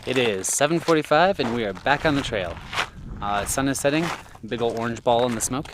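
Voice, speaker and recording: A man's voice: medium pitch, brisk, noisy background. A man talking casually to the camera while hiking a trail at dusk, rambling with lots of fillers and frequent chuckles. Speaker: thru-hiker vlogger.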